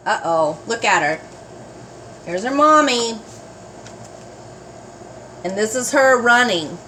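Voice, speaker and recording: A woman's voice: a little high, a little hiss or hum, poor audio. An older woman with a grandmotherly manner reads a children's story aloud expressively, with asides to the little ones. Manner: grandmotherly, slow and expressive, addressing small children. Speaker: grandmother reading to her grandchildren.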